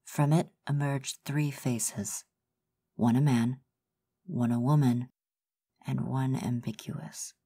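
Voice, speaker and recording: Woman narrator, ASMR horror reading; deep, mellow, measured, formal delivery. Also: steady tone, slightly rough, no room sound.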